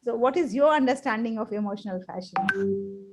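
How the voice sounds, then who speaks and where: A woman's voice: mid-range voice, normal speed, background noise. A woman hosting a show, welcoming her guest in a formal, ceremonious manner. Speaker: host.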